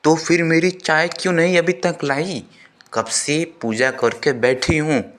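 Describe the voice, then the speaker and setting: A man voicing a bossy, sharp-tongued old mother-in-law who scolds constantly. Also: fairly high pitch, steady tone, a little slow, pitched above the performer's own voice. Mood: scolding.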